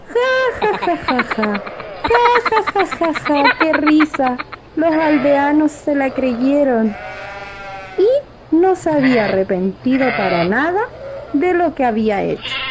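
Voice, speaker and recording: A woman narrating a children's story slowly and clearly, speaking directly to the children. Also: a little high, rough recording. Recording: narration over loud background music.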